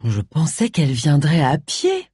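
A woman voicing a sharp-tongued, grumbling middle-aged amateur detective in an audiobook. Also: deep voice, wildly swooping pitch, slightly rough, dry recording, clean studio sound, heavily acted. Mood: indignant. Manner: indignant, grumbling, quick retorts.

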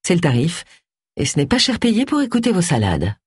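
Husky, blunt woman therapist, calm and cutting, as an audiobook narrator puts her on. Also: mid-range voice, a little fast, dry recording, studio quality, exaggerated voice. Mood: cool. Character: cool, blunt female psychotherapist with a husky voice. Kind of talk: audiobook character voice.

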